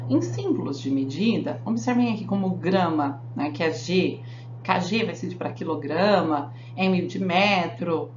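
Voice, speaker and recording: A woman teacher giving a grammar lesson, explaining step by step and often checking that the class follows. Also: on the low side. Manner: explanatory, asks the class frequent check questions. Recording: echoey room, dull sound, faint hum.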